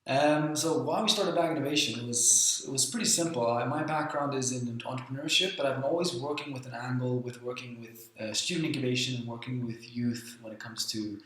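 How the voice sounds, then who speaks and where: A man's voice: mid-range voice, brisk, hardly any pauses. Swedish-born man, very echoey room. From Sweden. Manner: relaxed and friendly, with frequent ums. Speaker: guest, founder of a talent accelerator. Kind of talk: casual interview talk.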